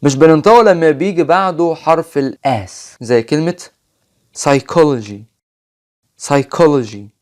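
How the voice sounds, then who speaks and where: A man with an Egyptian Arabic accent teaching an English phonics lesson, patiently repeating example words slowly. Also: fairly high pitch, expressive, darkish tone.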